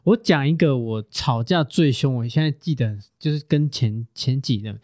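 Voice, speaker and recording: A man, co-hosting a podcast and telling stories loudly and animatedly in casual chat. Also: mid-range voice, moderate pace, dry recording, clean studio sound. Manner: loud, animated storytelling. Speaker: podcast co-host.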